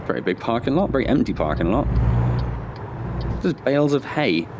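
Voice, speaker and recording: A man's medium-pitched voice swings widely in pitch at a moderate pace, with background noise in the clip. He hosts his own gaming channel and, despite a slight head cold, casually thinks aloud during a driving game, chatting away and putting himself down in jest during this let's-play.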